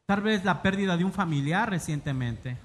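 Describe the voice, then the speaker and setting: A man's voice: high voice, expressive, normal speed. A man with a Mexican accent preaching a sermon, reading scripture dramatically and putting rhetorical questions to the congregation. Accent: Mexican Spanish. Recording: long reverb of a large hall.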